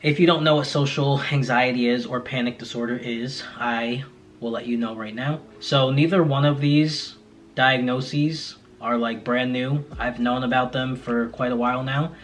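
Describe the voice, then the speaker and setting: A man's voice: mid-range voice, steady tone, moderate pace. A man in his late twenties, talking to camera in a casual vlog, candid and reflective with frequent fillers. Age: 20s. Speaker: content creator.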